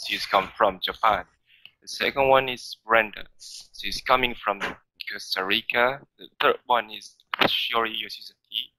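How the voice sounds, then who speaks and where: A man from Indonesia leading the negative team in a student debate, introducing his team in plain, slightly halting speech. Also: fairly low pitch, sharp tone, a little hiss or hum, rough recording.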